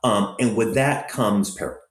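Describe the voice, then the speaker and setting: A Southern California man who runs and invests in restaurants tells stories in a conversational interview, his voice fairly low and unhurried in a roomy space. He's a lively storyteller, and his answers are packed with fillers.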